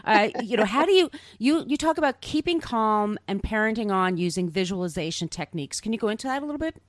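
A woman's voice: mid-range voice, animated, dry recording. Hesitant woman podcast host. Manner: hesitant, halting questions. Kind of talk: conversational podcast interview.

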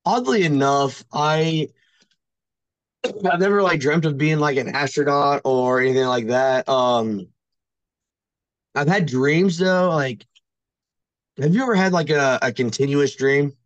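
Here a male podcast guest wanders through personal anecdotes in a relaxed chat, hesitant and leaning heavily on "like." His voice sits on the high side, he takes his time with long pauses, and the recording is dry and dull.

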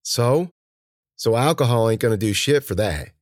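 A man's voice: medium pitch, lively intonation, moderate pace, no room sound, studio quality, voice pushed up, close to an everyday voice. A man voicing a sleazy, smarmy older farmhand who drawls and calls a girl honey.

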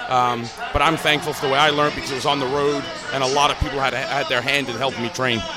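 Man interviewed over loud music and crowd. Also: medium pitch, fast talker. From Newcastle, England. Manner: relaxed, many uh and um fillers. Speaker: professional wrestler. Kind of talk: casual interview.

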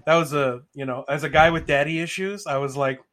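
A man co-hosting a podcast in casual chat, telling rambling, excitable stories. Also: fairly high pitch, brisk. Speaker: podcast co-host.

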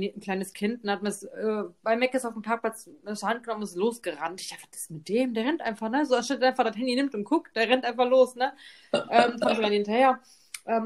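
A woman podcast co-host telling a personal story in casual chat, tagging her sentences with quick questions to her partner. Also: fairly high pitch. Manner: chatty, peppers talk with "ne?" tag questions.

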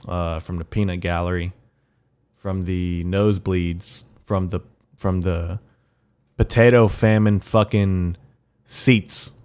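Man, low-pitched, raspy, solo podcast host, halting, rambling, sweary, slangy bro-talk. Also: darkish tone. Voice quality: raspy morning voice.

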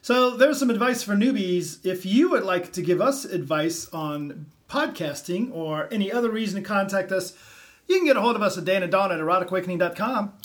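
A man co-hosting a podcast, chatting in a relaxed way and chiming in with short affirmations. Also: high-pitched, fairly quick. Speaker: podcast co-host. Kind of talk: casual chat.

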